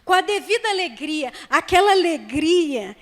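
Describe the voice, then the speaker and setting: A woman pastor with a Brazilian Portuguese accent preaches on a microphone, her voice set fairly high. She reads scripture and prays in a slow, emphatic cadence. The church sanctuary gives her words a long, lingering reverb. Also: sing-song, a bit bright. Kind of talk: sermon. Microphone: handheld microphone.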